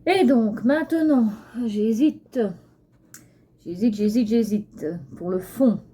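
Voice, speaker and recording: Female craft vlogger, slushy lisped s, soft dark tone, unhurried and hesitant delivery, homemade phone audio. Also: a little high. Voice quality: lisp, slushy sh for s. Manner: hesitant, thinking aloud. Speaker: craft tutorial host. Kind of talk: casual unscripted tutorial chat. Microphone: phone used for filming. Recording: phone recording with faint background noise.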